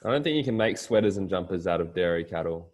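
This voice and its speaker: A man's voice: deep voice, expressive, quick pace, noisy background. A man co-hosting a casual podcast, joking and bantering through a quiz. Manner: jokey, banters. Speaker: podcast co-host. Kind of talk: casual chat.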